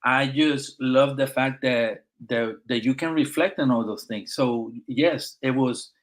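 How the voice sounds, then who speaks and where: In an interview setting, a middle-aged Marine veteran with a Puerto Rican accent, who comes from Puerto Rico, speaks earnestly as a guest, often using fillers and starting over. His pitch is medium and he takes his time.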